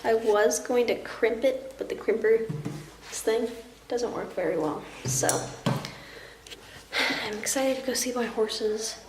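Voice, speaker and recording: A woman's voice: fairly high pitch, reverberant. Woman vlogging through noisy camcorder audio. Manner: hesitant, with many pauses and fillers. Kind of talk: casual vlog to camera. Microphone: built-in camera mic.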